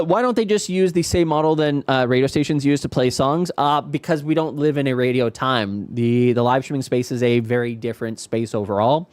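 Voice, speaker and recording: A man's voice: medium pitch, clean tone, no room sound. A man hosting a live stream, commenting with jokes, teasing and incredulous remarks. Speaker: streamer host.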